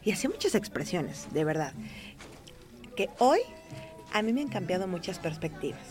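A woman, a market vendor telling her own life story in a heartfelt, expressive way. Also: lowish voice, normal speed, over music. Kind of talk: personal storytelling.

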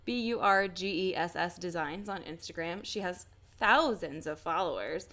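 A woman's voice: lowish voice, normal speed, sharp tone. A woman co-hosting a podcast in casual chat, chatty and self-mocking and laughing often. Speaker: podcast co-host.

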